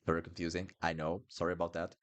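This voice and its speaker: A Brazilian man from Brasilia with a Brazilian Portuguese accent teaches a live online Portuguese lesson, talking fast in a deep voice with a completely flat delivery. He's chatty and apologetic and repeats words for his learners.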